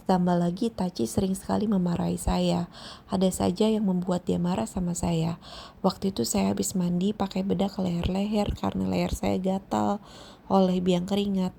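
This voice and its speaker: A woman reading a quiet, wistful young woman. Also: lowish voice, creaky, a little hiss or hum. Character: young woman patient recalling her sad childhood.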